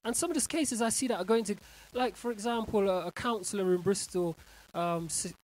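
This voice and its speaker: A man's voice: high voice, a little fast, rough recording. A man hosting his own talk show, reading newspaper stories aloud with stumbles and incredulous asides. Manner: animated, incredulous, stumbling over words. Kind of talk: reading and ranting about news stories.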